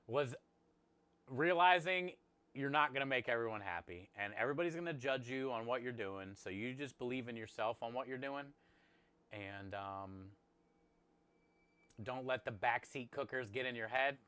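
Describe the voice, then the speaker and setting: A man's voice: medium pitch, normal speed, long pauses, sharp tone, smooth, dry recording. A man chatting casually to livestream viewers as a chef and host, in a friendly, appreciative and conversational way. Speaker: food truck chef and streamer.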